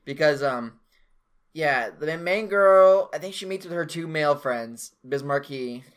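A man with a bright, forceful voice pitched a little high, swearing and laughing as he talks through a film with friends. His talk is loose and jokey. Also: lively intonation, unhurried, clear, resonant tone. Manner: profane, joking, laughs often. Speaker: podcast co-host. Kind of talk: casual movie recap chat.

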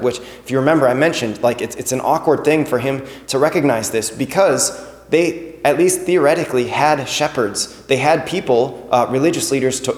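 Man preaching casually in an echoey church. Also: medium pitch. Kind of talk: conversational sermon. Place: large reverberant church interior. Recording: echoey hall with long reverb.

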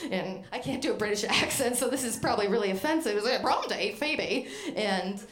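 A woman's voice: mid-range voice, fast, echoey room. A woman telling a self-deprecating comic story on stage, acting out other people's voices. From Maine. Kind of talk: live comedic storytelling.

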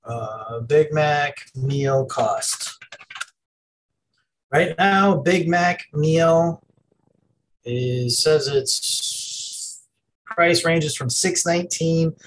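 A man's voice: fairly high pitch, drawn-out words, long pauses, slight background noise, low-quality recording. A middle-aged man co-hosting a podcast, swearing freely and rambling in casual chat. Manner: rambling, profane, laughs a lot. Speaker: podcast co-host.

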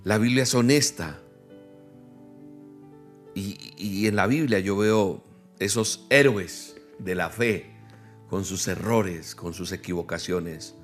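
A man's voice: sits low, slow, pauses often, faint music behind. A man preaching a livestreamed sermon, speaking straight to his listeners and repeating key phrases for emphasis. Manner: addresses listeners directly. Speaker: pastor.

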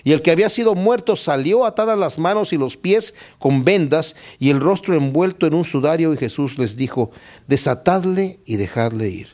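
A man preaching a Bible study sermon, reading scripture aloud and explaining it with lively questions to his listeners. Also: on the high side, normal speed. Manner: expressive, reads scripture then explains it, asks the listeners questions.

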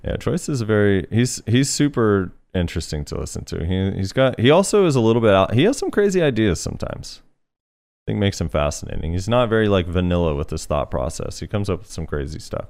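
A man's voice: lowish voice, big pitch swings, fairly quick, a little mellow. A man hosting a casual podcast, reading listener comments aloud in a laid-back way with plenty of fillers. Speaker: podcast host.

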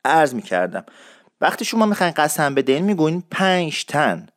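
A man teaching dialect expressions, explaining in a lively way and repeating words slowly for learners. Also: fairly high pitch, no room sound, studio quality. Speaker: language teacher.

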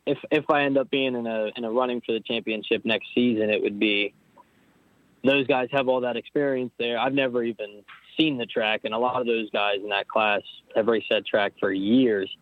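A nineteen-year-old motorcycle racer from Pennsylvania is a guest in a casual phone interview, speaking in a mid-range voice with fairly even intonation at normal speed. He rambles and restarts often, and the phone line sounds dry and tinny with no echo.

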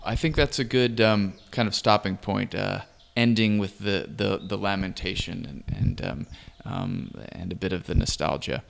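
A man's voice: lowish voice, normal speed, gravelly, few pauses, a little hiss or hum. A man hosting a podcast interview in a conversational, slightly hesitant way with bookish wording. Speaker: podcast host.

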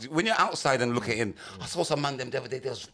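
A man's voice: mid-range voice, lively intonation, very fast, pushed and bright. A man with a London urban roadman accent, chatting casually on a podcast in street slang and repeating himself for emphasis. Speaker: podcast co-host. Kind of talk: casual chat.

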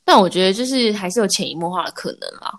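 A woman's voice: mid-range voice, very fast. Woman, 20s, Taiwanese Mandarin accent, chatty co-host who laughs a lot and acts out voices in her stories. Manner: animated storyteller, laughs often, acts out quotes; mixes in English words. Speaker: podcast co-host. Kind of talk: casual chat.

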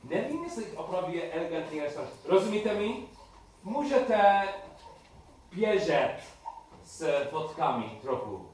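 A man leads a class with questions, haltingly and repeating himself in simple phrases. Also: a little high, big pitch swings, darkish tone. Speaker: teacher leading a Bible study class. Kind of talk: interactive lesson with questions to the group. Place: echoey room with a group. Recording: very echoey room, distant mic, faint noise.

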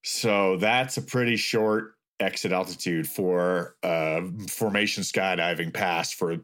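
A man with a very low voice tells a story in a relaxed, conversational way. He sounds middle-aged and gets animated when he acts out what others said. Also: slow pace. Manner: animated, acts out quotes with raised voice. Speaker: guest telling a story. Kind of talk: casual storytelling.

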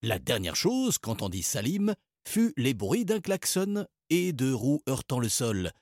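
Husky male narrator for a children's storybook; animated, expressive delivery, dry recording. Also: medium pitch, a little slow, no room sound. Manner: lively, expressive reading. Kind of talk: storybook reading.

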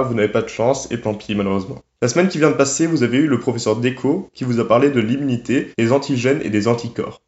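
A young man presenting a weekly study update for a student podcast, explaining course points in a steady, measured way. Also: mid-range voice, echoey room, lo-fi sound. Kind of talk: casual scripted podcast segment.

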